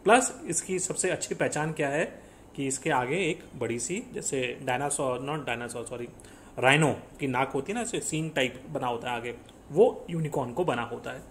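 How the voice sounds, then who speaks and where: A man's voice: medium pitch, normal speed, a bit bright, slight background noise. A man teaching an exam-prep lesson, explaining step by step and asking questions that he answers himself, often mixing in English phrases. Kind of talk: classroom lecture with quiz questions.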